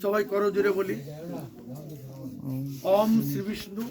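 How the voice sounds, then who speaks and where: A man's voice: high-pitched, completely flat delivery, a little slow, heavy background noise. A man leading a call-and-response prayer, teaching the group and correcting their pronunciation. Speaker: prayer leader. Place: religious gathering. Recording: loud crowd of worshippers behind.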